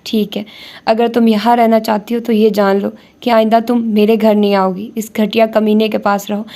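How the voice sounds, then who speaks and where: A raging middle-aged father from a romance audiobook shouts and cuts, unforgiving and harsh, voiced by a woman narrator. His tone stays mellow and dark under the loudness. The melody moves little. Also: medium pitch, level tone, close to an everyday voice. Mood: bitter. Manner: shouting, cutting.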